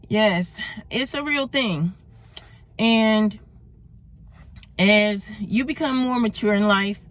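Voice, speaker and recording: A woman's voice: mid-range voice, no room sound. A woman over forty giving a casual motivational talk to camera from her parked car, a little out of breath, laughing often and drawing out her words for emphasis. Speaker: motivational vlogger.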